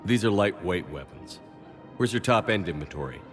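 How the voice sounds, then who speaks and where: Commander Shepard, deep and stern. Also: male voice, expressive, normal speed, soft background music. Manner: firm, clipped, authoritative. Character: stern, terse male military space commander. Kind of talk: video game dialogue acting.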